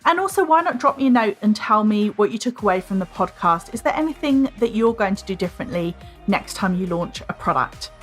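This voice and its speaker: A woman's voice: medium pitch, animated, brisk, hardly any pauses, faint music behind. A woman hosting a podcast, thanking her guest and reading an upbeat, polished outro. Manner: upbeat, friendly, polished promotional delivery. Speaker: podcast host. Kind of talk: interview hosting and scripted outro.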